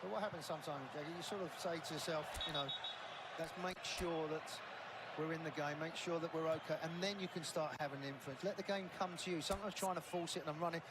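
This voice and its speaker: Quick, high-voiced man analysing football. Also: steady tone. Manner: chatty, analytical, conversational asides. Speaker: co-commentator and former coach. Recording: game audio under loud background noise.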